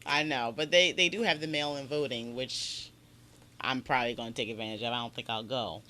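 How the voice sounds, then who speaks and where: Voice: medium pitch, fairly quick, bright, forceful tone. Chatty, incredulous podcast co-host. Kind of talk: casual chat.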